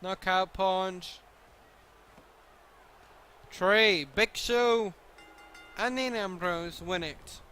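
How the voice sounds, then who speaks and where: A man's voice: high voice, extremely slow, long pauses, smooth. A man from continental Europe outside the British Isles, commenting on a game while joking, swearing and answering chat in a live stream. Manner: excitable, joking, swearing freely.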